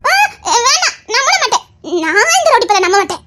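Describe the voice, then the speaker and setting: A woman's voice: extremely high pitch, brisk, a bit bright. A woman with a Tirunelveli accent playing a young lover who fusses over him and scolds him tenderly. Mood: pleading, teasing. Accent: Tirunelveli Tamil. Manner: scolding, fussing, affectionate. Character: young woman Anandhi, doting and fussy lover. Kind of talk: web series drama.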